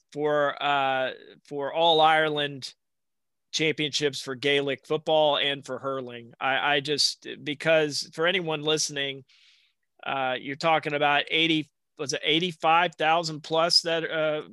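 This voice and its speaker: Bright-voiced man hosting a casual podcast. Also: fairly high pitch, clean tone, no echo. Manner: halting, repeats words. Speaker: podcast host. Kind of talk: casual interview chat.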